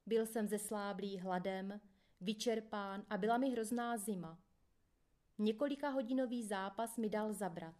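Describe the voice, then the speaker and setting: Brief: female audiobook reader, steady first-person memoir narration, mid pitch.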